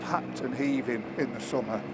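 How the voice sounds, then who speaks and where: A man's voice: medium pitch, steady tone, moderate pace, gravelly. A British man giving chatty, casual commentary, musing aloud as he rides a motorcycle outdoors, with wind on the mic. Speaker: motorcycle vlogger. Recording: loud wind and engine noise on mic. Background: loud wind, engine and traffic noise.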